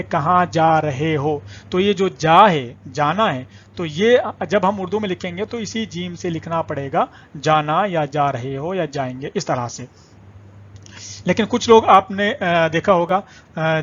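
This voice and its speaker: A man with a fairly high voice teaches beginners in a patient, repetitive way. He drawls hesitant fillers between points. The recording sounds dull and lo-fi. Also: fairly bright tone. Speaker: Urdu teacher. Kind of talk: online language lesson.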